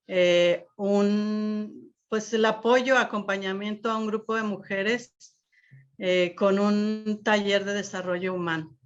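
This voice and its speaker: A woman, a volunteer introducing a guest in a hesitant way with many fillers. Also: mid-range voice. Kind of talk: spoken introduction. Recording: dull lo-fi audio.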